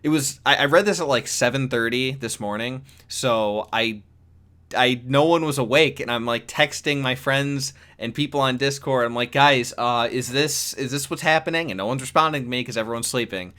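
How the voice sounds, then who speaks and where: A young man chatting casually in a solo manga review, rambling with many restarts and growing excitable. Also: mid-range voice, moderate pace, smooth. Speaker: YouTube manga commentator.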